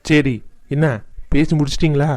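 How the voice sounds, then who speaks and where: A man's voice: a little high, little pitch movement, normal speed, darkish tone, no echo, clean studio sound, natural voice. Man acting a sarcastic, fed-up young son. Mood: defiant, annoyed. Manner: sarcastic, complaining. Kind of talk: colloquial family cartoon drama dialogue.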